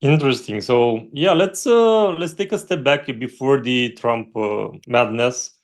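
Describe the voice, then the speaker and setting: A man co-hosting a casual market discussion, speaking haltingly with many fillers and summing up the other speaker's points. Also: mid-range voice, lively intonation. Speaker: co-host.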